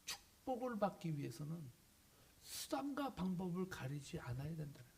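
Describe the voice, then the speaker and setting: Animated Korean pastor preaching a sermon. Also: male voice, on the high side, fairly quick, gravelly, a little hiss or hum. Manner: animated storytelling, acting out biblical characters' lines; asks the congregation questions.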